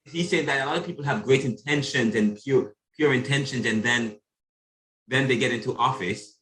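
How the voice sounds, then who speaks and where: A man's voice: medium pitch, moderate pace, fairly bright tone. A man hosting a podcast interview, asking questions and answering with short affirmations. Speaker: podcast host. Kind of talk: casual interview talk. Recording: roomy echo.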